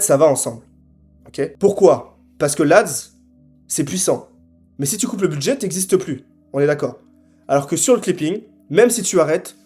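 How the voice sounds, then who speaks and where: A young man giving a scripted sales pitch to camera, assertive and punchy, often tagging his sentences with quick check-ins. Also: a little mellow. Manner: assertive, punchy, frequent tag questions. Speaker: marketing consultant.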